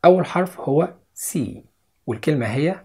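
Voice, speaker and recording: A man's voice: fairly high pitch, expressive, normal speed, darkish tone, breathy edge. A young man with an Egyptian Arabic accent teaching an English lesson on video, explaining step by step and repeating each word twice.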